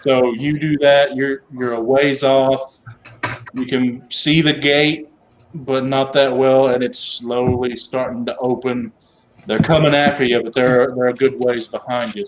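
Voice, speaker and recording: A man's voice: mid-range voice, fairly even intonation, unhurried, noisy background. Man running a casual tabletop game. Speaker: game master.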